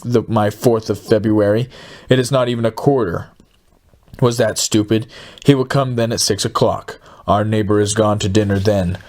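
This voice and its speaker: A man's voice: fairly low pitch, close to an everyday voice. A man voicing a gloating, scheming old crook. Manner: excited, conspiratorial, sinister. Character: scheming, gloating poor middle-aged man plotting a crime.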